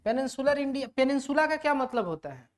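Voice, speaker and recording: A woman's voice: sits high, sing-song, fast. A woman teaching a lecture who asks her students questions and then answers them herself, mixing English terms into her explanations. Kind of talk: classroom lecture.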